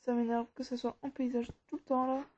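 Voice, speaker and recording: High-voiced woman giving a rambling tutorial. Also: little pitch movement, brisk, a little mellow, a little hiss or hum. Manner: informal, rambling, talks through each step. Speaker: tutorial maker. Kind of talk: casual step-by-step app tutorial. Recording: dull, dry lo-fi recording.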